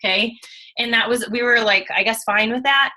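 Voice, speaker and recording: A woman in her thirties telling her own story in a casual, animated way, acting out what she and others said. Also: a little high, normal speed, poor audio. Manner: animated, emotional storytelling with quoted asides. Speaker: network marketing distributor. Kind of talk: casual testimonial chat.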